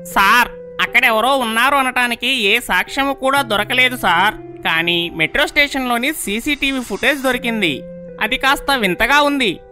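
A woman's voice: a little high, normal speed, soft background music. Woman doing an earnest junior policeman. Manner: loud, earnest, insistent. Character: nervous junior policeman, male.

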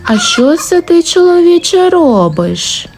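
A woman doing a brisk, thrifty peasant wife. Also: very high-pitched, big pitch swings, background noise, voice pushed up, full character voice. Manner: brisk, scolding.

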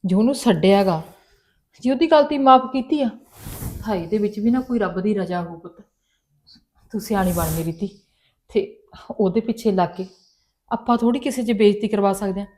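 A woman's voice: medium pitch, mellow, close to an everyday voice. A woman playing a mother who soothes and coaxes her upset daughter in a family drama. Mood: coaxing. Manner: soothing, coaxing, repeatedly calling her child. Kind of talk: Punjabi family drama dialogue.

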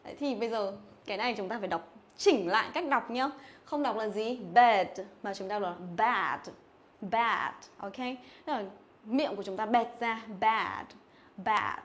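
A woman's voice: a little high, fairly quick. A young woman giving a livestream English pronunciation lesson, repeating words over and over and checking that students remember. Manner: drills words by repeating them, checks in with "nhớ chưa?". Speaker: English teacher. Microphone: phone or webcam mic on a livestream.

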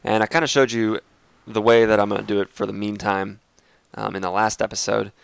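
A man's voice: lowish voice, little pitch movement, a little fast, creaky, clean tone, no room sound. A young man with a congested, stuffy voice, chatting casually while he plays a game and talks to his viewers. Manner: chatty and rambling, addresses viewers as guys. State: congested, clogged sinuses. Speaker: Minecraft let's play host. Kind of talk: casual gameplay commentary.

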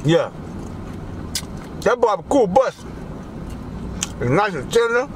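A man's voice: sits high, sing-song, slow pace, far from the mic. A man, hosting a casual eating show, talking with his mouth full in a slangy, laid-back way. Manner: slangy, laid-back, talks to viewers as kinfolk. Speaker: mukbang host. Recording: loud outdoor traffic noise.

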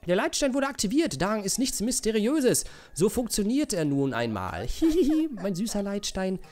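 A bubbly young inventor girl from a video game, cheeky and easily excited, voiced by a man. She giggles and chirps her lines high and bright, with a lot of lift and fall in her pitch. It is a male let's-player's own put-on voice, playful rather than polished. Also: normal speed.

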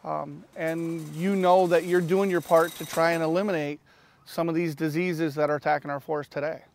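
A middle-aged man explains his product in a relaxed interview, with fillers and restarts. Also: a little high, moderate pace, slight background noise. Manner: easygoing, many fillers and restarts. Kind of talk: on-camera interview. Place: outdoors by a lake.

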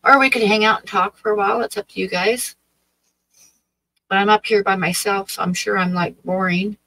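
A woman in her sixties from Oregon hosts a livestream from a small dim room with a draped wall, chatting casually with her live chat in a rambling, hesitant way full of fillers. Her medium-pitched voice is pushed and bright, fairly even in intonation at normal speed, on a low-quality recording.

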